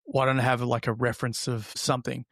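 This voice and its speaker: A man's voice: medium pitch, little pitch movement, a bit bright, dry recording, studio quality. Reflective man telling his story. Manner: halting, reflective, acts out remembered remarks. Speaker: interview guest. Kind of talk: conversational personal storytelling.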